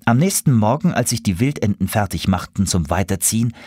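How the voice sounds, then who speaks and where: A man reading a children's story aloud, calm and expressive. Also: lowish voice, brisk, slightly rough, no room sound, studio quality.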